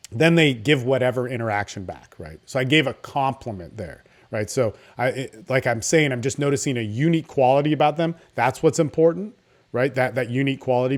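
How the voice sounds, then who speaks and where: A man giving informal coaching advice in a confident, salesy, casual way, often checking in with "right?". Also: medium pitch. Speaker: dating coach.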